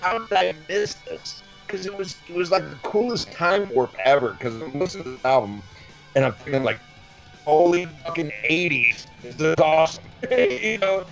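A man's voice: a little high, expressive, normal speed, gravelly, faint music behind. Man's voice turned clangy and robotic. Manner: enthusiastic, swears often. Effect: glitchy robotic clangy call audio. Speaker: podcast host. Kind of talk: casual chat about music. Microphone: online call. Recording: dull, distant, robotic call line.

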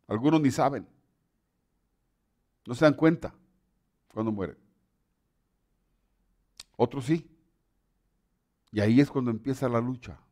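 A man's voice: medium pitch, darkish tone. A male preacher giving an emphatic sermon who often repeats words and restarts his sentences.

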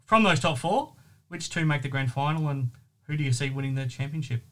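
A man's voice: fairly high pitch, brisk, fairly bright tone. A man hosting a basketball talk show in a casual, upbeat chat. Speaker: basketball podcast host.

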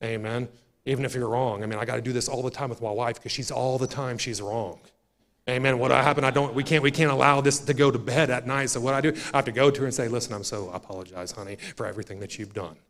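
A man preaching a sermon to his church, folksy and repetitive, calling out to the congregation and building to loud, emphatic climaxes. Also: medium pitch, fairly even intonation, fast. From United States. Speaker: pastor. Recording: long hall reverb of a church.

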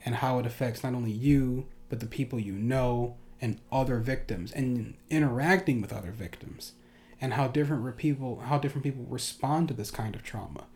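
A man co-hosting a casual podcast, his voice at an ordinary middle pitch. He talks with opinionated enthusiasm and keeps the chat loose. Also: a little fast, darkish tone. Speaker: podcast host.

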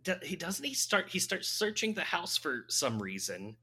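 A man's voice: sits high, big pitch swings, normal speed, pushed and bright, husky. A man casually recapping a movie plot in a rambling, amused way, laughing often. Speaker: podcast co-host recapping a movie. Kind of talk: casual chat.

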